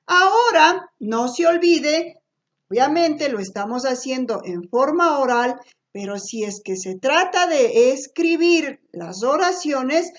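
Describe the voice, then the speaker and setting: A woman teacher, giving a remote lesson, patient and slow, often checking in with short questions. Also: high-pitched.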